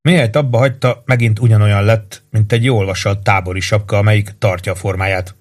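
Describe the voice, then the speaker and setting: A man reading a war novel aloud as an audiobook narrator, in steady, even storytelling. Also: on the low side.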